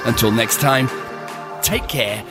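A middle-aged man hosting a podcast as a real estate agent, giving advice in an emphatic, gushing sales pitch and stretching key words for stress. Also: takes it slowly, over loud music. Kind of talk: solo podcast advice monologue.

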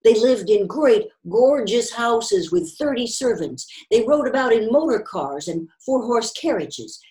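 A man's voice: very high voice, expressive, measured pace, darkish tone, voice pushed up. A woman reading a tentative, earnest young man. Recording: roomy echo.

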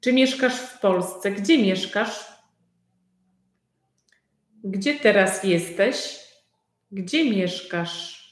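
A woman's voice: mid-range voice, extremely slow, long pauses, reverberant. A woman teaching a live online conversation class, speaking in simple sentences and repeating her questions for learners.

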